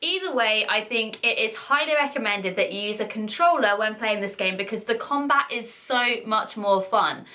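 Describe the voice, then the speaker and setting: Young woman doing a game review, really bright highish voice, bit husky from flu. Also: expressive, moderate pace, few pauses. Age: young adult. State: recovering from flu. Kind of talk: scripted-style video game review.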